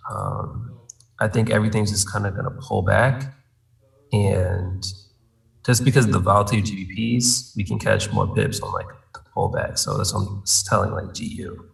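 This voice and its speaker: A man's voice: lowish voice, expressive, normal speed, creaky, recorded from a distance, low-quality recording. A man in a live trade room, thinking aloud about trades in a hesitant, casual way. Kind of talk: casual live trading chat.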